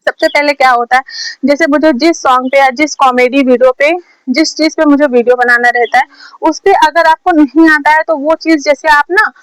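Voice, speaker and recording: Chatty high-voiced woman teaching lip sync. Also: fairly even intonation, normal speed, a bit bright, no echo, rough recording. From India. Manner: chatty, repetitive, drills points over and over. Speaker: short-video creator teaching lip sync. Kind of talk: casual tutorial talk. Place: home, recording herself. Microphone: phone on a stand.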